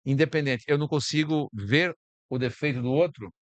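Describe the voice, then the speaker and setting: With a voice on the high side and a normal speed, a man from Brazil chats casually as a podcast guest on a bar stage. He comes across as calm, reflective and spiritual, repeating words often as he looks for them, and the lo-fi recording has no room sound.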